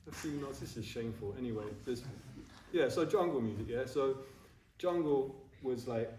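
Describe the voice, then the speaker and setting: A man's voice: medium pitch, moderate pace, darkish tone, slight background noise. A man in his forties giving a casual, self-mocking Buddhist talk to a group, often checking in with his listeners. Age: 40s. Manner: chatty and self-mocking, keeps checking in with "yeah?". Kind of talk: informal dharma talk to a group. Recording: roomy echo, voice from a distance.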